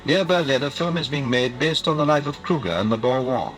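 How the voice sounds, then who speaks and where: Man, old newsreel narrator, formal announcing delivery, middle pitch, faint music behind. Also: expressive, fairly quick, a bit bright. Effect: archival newsreel sound.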